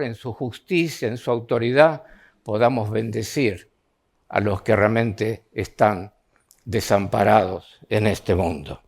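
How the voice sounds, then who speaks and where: A man's voice: medium pitch, a little mellow. A man with an Argentine Spanish accent preaching an earnest sermon in a church, reading scripture aloud with a rising, pleading tone.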